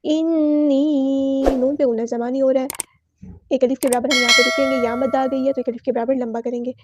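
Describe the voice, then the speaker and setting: A woman with a Pakistani Urdu accent teaching Quran recitation rules word by word, chanting each word slowly, then explaining it briskly. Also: high-pitched, little pitch movement, heavy background noise. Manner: slow drawn-out recitation alternating with brisk explanation.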